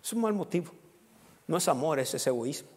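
A middle-aged male pastor preaching a sermon in a church hall, his voice high and its echo trailing long after each phrase. He speaks emphatically, pushing up in pitch and volume as he counts off his points. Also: lively intonation, fairly quick, husky. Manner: emphatic, rising to loud peaks when listing points.

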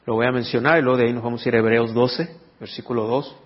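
Husky male pastor in a reverberant church. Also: medium pitch, steady tone, fast talker. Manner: teaching, asks the congregation questions. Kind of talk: sermon. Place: church hall. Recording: dull recording with long reverb.

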